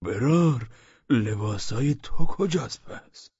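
Frantic young gendarmes yelp and whine in a rural twang, as a male audiobook reader puts them on in a raised, wildly swinging pitch. The voices are husky. It sounds like a dull, dry lo-fi audiobook recording. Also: animated, no echo. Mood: panicked. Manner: frantic, whiny, dialect-tinged shouting. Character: panicked bumbling male provincial gendarmes, young adults.

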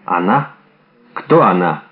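A man's voice: low-pitched, sing-song, slow, pitched below the performer's own voice, exaggerated voice. Man reading a hot-blooded young musketeer, urgent voice, dull lo-fi recording. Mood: alarmed. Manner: urgent, emotional. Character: ardent young musketeer, passionate and impulsive. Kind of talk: audiobook character reading.

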